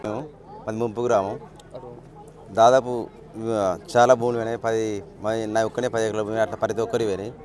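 A man's voice: on the low side, flat delivery, brisk, long pauses, a little mellow. A man with a Telangana Telugu accent, a fisherman and organiser, speaking plainly and informally, with restarts. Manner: plain-spoken, with restarts and dialect words. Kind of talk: informal account to reporters. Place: outdoors at a lakeside event.

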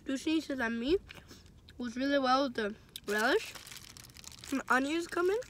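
Bright-voiced woman talking with a full mouth. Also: high-pitched, lively intonation, slight background noise. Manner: slow, savoring, with contented hums. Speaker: food vlogger. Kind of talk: casual food tasting vlog.

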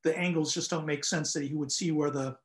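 Older male historian guest, slightly high voice, measured storytelling with fillers, video-call sound. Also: fairly even intonation. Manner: measured, explanatory, frequent "um" and "uh". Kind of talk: conversational historical account. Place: home room, indoors.

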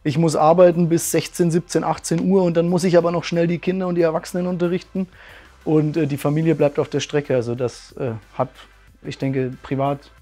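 With faint music in the background, a martial arts school owner in his thirties speaks briskly in a fairly high, dark voice with little pitch movement. He gives an earnest, thoughtful testimonial interview laced with fillers, indoors in a bright room with curtains.

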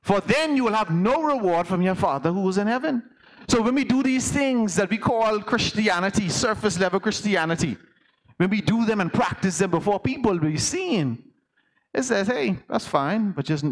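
A man's voice: sits high, expressive, normal speed. A man with a Bahamian accent, an elder preaching a conversational sermon and asking the congregation questions.

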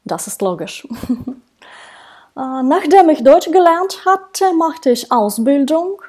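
A woman in her thirties, non-native in German, talking to camera about her work as a translator in a slow, careful way with hesitations. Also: sits high, sing-song. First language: not German. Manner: slow, careful speech with frequent hesitations and soft laughs. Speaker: translator and interpreter. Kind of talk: solo talk to camera about her career. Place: indoors, small room with dark backdrop. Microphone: wired earphone mic.

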